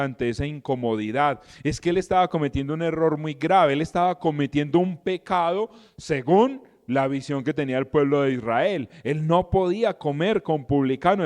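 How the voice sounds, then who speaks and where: A man giving an animated, conversational Bible teaching. He keeps asking his listeners rhetorical questions. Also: fairly high pitch, big-room sound. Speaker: Bible teacher and podcast host.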